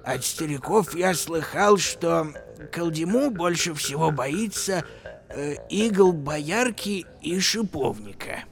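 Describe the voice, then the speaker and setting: A man voicing an ancient, half-deaf village elder in a storybook reading, hesitant and halting. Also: fairly high pitch, animated, music in the background, voice pushed up, full character voice. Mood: doddering. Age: older. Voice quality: creaky. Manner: hesitant, halting, hard of hearing.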